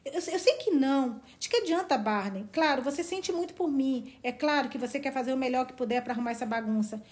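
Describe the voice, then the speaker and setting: A woman's voice: sits high, brisk, natural voice. A woman reading the pleading, unsure lines of a self-effacing young heroine. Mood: doubtful. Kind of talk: reading a novel aloud.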